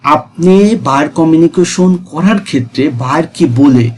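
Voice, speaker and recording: High-voiced man explaining a screen. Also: moderate pace, a little mellow, a little hiss or hum. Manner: chatty, repeats himself, asks viewers "ঠিক আছে?". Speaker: freelancing tutor. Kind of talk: casual screen tutorial.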